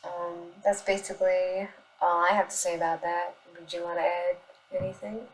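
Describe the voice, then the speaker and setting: A woman giving casual spoken commentary in response to online comments, arguing insistently and earnestly, with halting pauses as she looks for her words. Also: on the low side, level tone, rough recording. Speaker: animal rights activist responding to comments.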